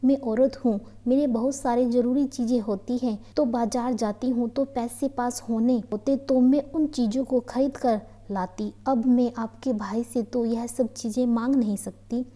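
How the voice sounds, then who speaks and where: A soft, imploring young wife of twenty, as a woman storyteller voices her. The tone is very mellow and dark, a little higher than average, and gentle throughout. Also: steady tone, moderate pace, hardly any pauses, natural voice. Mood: pleading.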